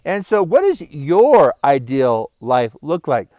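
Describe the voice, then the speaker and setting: An upbeat middle-aged man chats and tells a story outdoors, chuckling as he goes. His voice sits a bit high for a man and sounds close and dry. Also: wildly swooping pitch, slow pace, warm tone, no room sound. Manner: upbeat, chatty, chuckles often. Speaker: vlogger and life coach. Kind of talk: casual storytelling and advice. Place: outdoors by a small pond.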